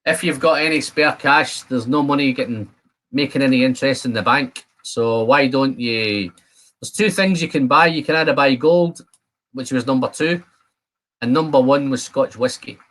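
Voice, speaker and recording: This fifty-something Scotsman chats with his live stream audience in a relaxed way, calling out viewers by name. He speaks at a moderate pace in a mid-range voice that sounds fairly bright.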